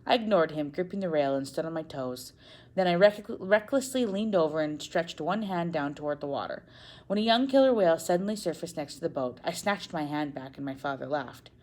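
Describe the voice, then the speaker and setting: Expressive woman reading a novel, lowish voice. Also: brisk. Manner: expressive reading with small self-corrections. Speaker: audiobook narrator. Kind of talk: first-person novel narration.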